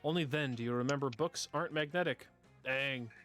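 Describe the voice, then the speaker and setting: Bright-voiced man wryly narrating a game. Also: medium pitch, a little fast, soft background music. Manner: playful, wry narration. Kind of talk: reading game text aloud.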